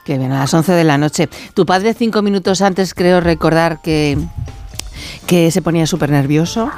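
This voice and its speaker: A man hosting a radio interview from a studio. His voice sits high for a man, and he jokes and banters easily with his guest. Faint music plays underneath. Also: a little mellow. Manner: playful, chatty, quick to banter. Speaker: radio host.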